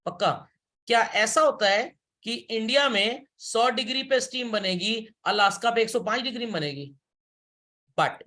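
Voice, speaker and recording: A man's voice: high-pitched, sharp tone. A male teacher giving a classroom lecture who repeats key points and keeps checking that students follow.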